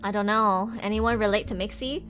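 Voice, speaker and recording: A woman streamer chatting casually on a livestream, ranting in an animated, exasperated way, swearing and laughing often. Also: mid-range voice, moderate pace, faint music behind. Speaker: VTuber streamer.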